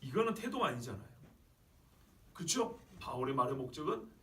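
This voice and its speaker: Preaching as pastor in a church sanctuary, a man speaks with medium pitch, very animated and at a moderate pace, his tone a bit bright. He stresses his points and often asks the congregation questions, recorded from a distant mic with roomy church sound and a little hiss or hum.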